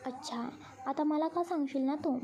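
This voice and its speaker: A woman's voice: sits high, normal speed, mellow, lightly acted. A woman voicing a sensitive, easily frightened young woman who scolds and teases in a storybook reading. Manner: reproachful, teasing with her friend.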